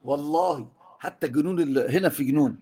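Teasing Egyptian teacher, slightly high voice. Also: male voice, a little fast, warm tone. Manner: teasing, jokes with students, mixes classical and colloquial. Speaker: religious teacher. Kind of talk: informal religious lesson.

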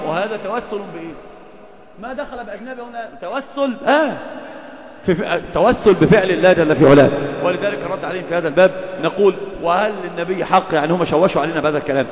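A man preaching a sermon, fast and emphatic, firing rhetorical questions. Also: high-pitched. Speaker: Islamic preacher. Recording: echoey hall, phone-like lo-fi sound.

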